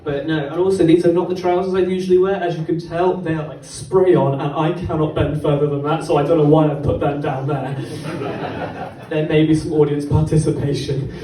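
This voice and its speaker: A young man performs stand-up on a comedy club stage, talking in a rambling, self-mocking way that keeps tripping over itself. His voice is dark and mellow but sits a little high. The mic picks him up from some distance in an echoey room. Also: little pitch movement, normal speed. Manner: rambling, self-deprecating, stumbling delivery. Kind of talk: stand-up set. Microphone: handheld microphone. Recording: roomy club sound from a distance.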